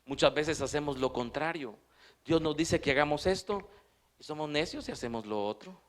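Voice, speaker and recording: A man pastor preaching a sermon, asking the congregation questions and reading scripture slowly and with emphasis. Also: fairly high pitch, lively intonation. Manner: drops to a hushed voice for quiet passages.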